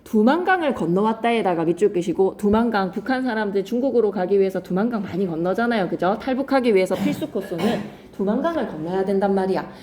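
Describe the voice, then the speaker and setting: A woman teaching a poetry lesson to students, lively, switching between polite and casual speech and acting out lines dramatically. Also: fairly high pitch, roomy sound, a little hiss or hum. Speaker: Korean literature teacher. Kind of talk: classroom lecture on poetry.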